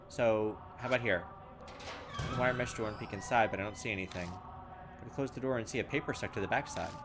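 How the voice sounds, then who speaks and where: Over some background noise, a medium-pitched male let's play gamer reads the text of a horror game aloud. He thinks out loud, loses his way, and pokes fun at his own mistakes.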